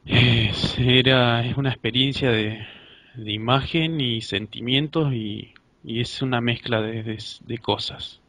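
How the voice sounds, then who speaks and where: A man's voice: medium pitch, slow pace, fairly bright tone, no echo. A man, a hypnosis client describing his experience hesitantly, repeating words. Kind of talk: halting personal account.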